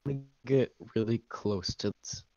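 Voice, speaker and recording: Low-voiced man, halting gamer talk. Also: dark tone, dry recording. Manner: halting, stop-start explaining. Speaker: player. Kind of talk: casual game chat. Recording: dry, slightly dull mic.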